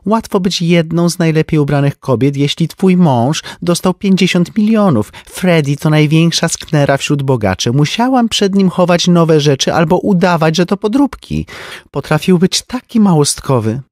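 A man voicing a bored, catty wealthy socialite woman who talks in a flat, indifferent tone in an audiobook. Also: a little high, moderate pace, no room sound, clean studio sound, voice pushed up, lightly acted. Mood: gossiping.

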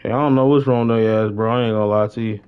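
A young man live-streams an online role-play game, chatting casually with heavy slang and often repeating his phrases. His voice is lowish, steady, clear and resonant, and he talks very fast. The audio comes through a dull lo-fi streaming mic.

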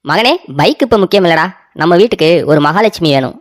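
A woman's voice: fairly low pitch, lively intonation, brisk, slight background noise, natural voice. A woman voicing a sentimental, doting elderly father in a cartoon story, talking with melodramatic, pleading emotion.

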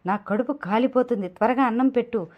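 A woman doing a snappy fiery young woman, scolding, fairly high voice, dull lo-fi sound. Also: fairly quick, close to an everyday voice. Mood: irritated. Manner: angry scolding. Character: hot-tempered young woman, sharp-tongued and scolding. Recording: dull lo-fi audio.

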